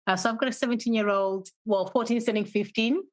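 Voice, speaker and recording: A woman in her forties from Zimbabwe tells stories as a guest on a podcast. She talks warmly and laughs often, her voice jumping up when she quotes others, heard in a dry, close recording. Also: on the high side, fast, no room sound, poor audio. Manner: laughing, storytelling, animated when quoting. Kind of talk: casual interview chat.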